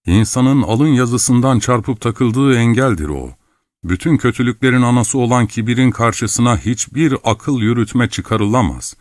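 A man's voice: medium pitch, unhurried, a little mellow, dry recording, studio quality, pitched above the performer's own voice, lightly acted. A man voicing a stern, solemn old hermit who speaks in a grave, preaching tone.

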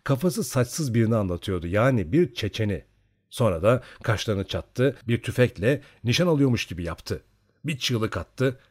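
A man narrating an audiobook in an expressive storytelling manner. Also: on the low side.

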